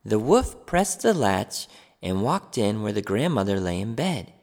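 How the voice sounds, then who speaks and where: A man reading a classic children's story aloud, slow and expressive. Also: on the low side, big-room sound. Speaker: storybook reader.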